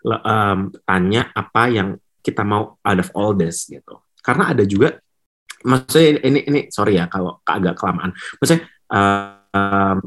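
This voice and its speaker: A man's voice: lowish voice, normal speed, a bit bright. A young man, a musician guest, chatting casually in an interview, hesitant with many fillers and restarts and English words mixed in. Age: young adult.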